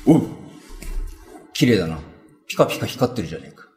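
A man playing a blustering male burglar in a rakugo story, talking in rough, gruff street speech. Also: fairly low pitch, sing-song, fast, darkish tone, faint music behind, voice pushed down. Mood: menacing. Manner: rough, gruff Edo-style street talk.

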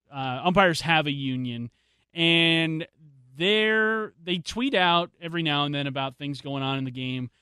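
A man hosting a sports talk show, giving his opinions in animated, casual chat on a studio mic. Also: a little high, clean tone, no echo. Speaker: sports radio host.

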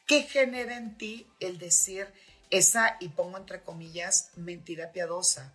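Middle-aged Mexican woman host, frank and chatty, husky timbre, low pitch. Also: steady tone, a little slow, pushed and bright, soft background music. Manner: frank, chatty, with many fillers. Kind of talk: podcast advice talk.

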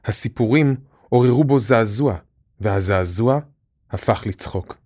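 A man narrating a fairy-tale style audiobook in a measured storytelling manner. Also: fairly low pitch, darkish tone, no echo, studio quality.

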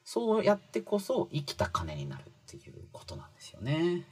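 A man's voice: fairly high pitch, huge pitch swings, normal speed, darkish tone, husky. A man talking casually through a book's lessons, chatty and full of fillers, stressing key phrases. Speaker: commentator explaining a book. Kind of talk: casual spoken explainer.

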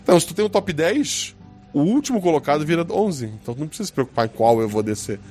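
A man's voice: fairly high pitch, expressive, quick pace, mellow, soft background music. A man with a Brazilian Portuguese accent, hosting a podcast as game master, chatting casually and teasing listeners. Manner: joking, teasing, reads listener comments.

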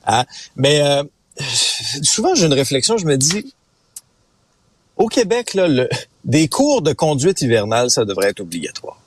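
Radio columnist, male, Abitibi Quebec accent, husky and animated, dry close sound, phoning in from his car. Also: a little high, normal speed, long pauses, dry recording. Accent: Abitibi Quebec French. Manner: chatty, storytelling, laughs often. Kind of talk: casual radio chat. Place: parked car at a rest stop.

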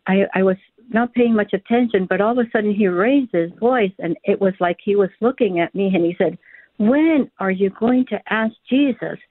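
A woman's voice: medium pitch, dry recording. Older woman caller on a tinny phone line. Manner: earnest, halting with many fillers and restarts. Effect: telephone line. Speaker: radio show caller. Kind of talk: telling a personal faith story on air.

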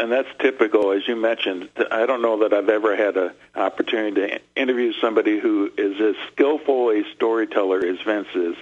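A man's voice: lowish voice, dull audio. A man speaking conversationally as a guest in a radio interview about events he hosts.

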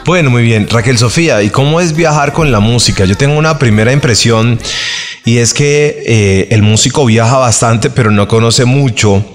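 A man's voice: mid-range voice, normal speed, faint music behind. Man hosting a travel podcast. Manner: thoughtful, searching for words with filler sounds. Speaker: podcast host. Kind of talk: conversational interview.

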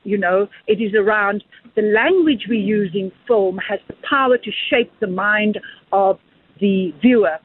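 On a phone call with a dry, tinny sound, a South African filmmaker answers interview questions in an unhurried, slightly rough, mid-range voice. She talks earnestly and expansively at length, frequently repeating words while thinking.

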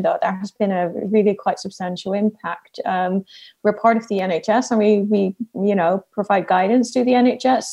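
A woman with a Dutch accent gives explanatory interview answers in measured, somewhat hesitant phrasing. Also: mid-range voice, dark tone. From Netherlands. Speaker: interview guest, health research scientific advisor. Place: at home in a kitchen.

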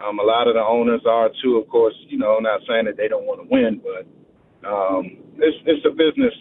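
A man calling in to a sports radio show over the phone, talking casually with many halting fillers. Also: fairly low pitch. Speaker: caller. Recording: tinny phone line with faint noise.

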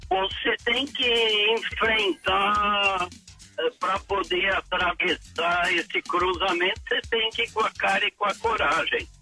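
A man's voice: high voice, steady tone, measured pace, sharp tone, faint music behind. A man calling in by phone to a radio show, complaining in an indignant, insistent way. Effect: heard over the phone. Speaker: radio call-in listener.

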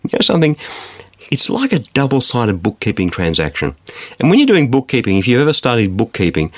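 A man preaching a radio sermon, swinging his voice up and down for emphasis. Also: no echo. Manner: animated preaching, dramatic pitch swings on quotes. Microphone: studio microphone.

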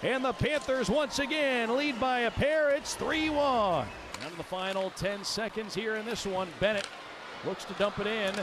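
A man doing rapid, excited hockey play-by-play as a radio announcer, over an arena broadcast. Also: sits high, background noise. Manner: excited goal calls.

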